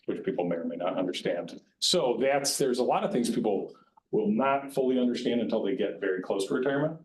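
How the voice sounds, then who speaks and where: A man presents retirement-plan guidance to county staff in an informal, educational way, keeping it plain-spoken and conversational. His medium-pitched, darkish voice has lively intonation and a slightly fast pace. The recording carries a little hiss or hum and the roomy echo of the county board meeting room.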